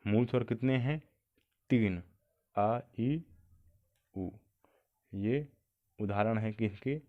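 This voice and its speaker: A man's voice: on the low side, extremely slow. A man teaching an exam-prep grammar lesson. He asks questions and answers them himself, repeating the key points. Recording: tinny lo-fi phone-like sound.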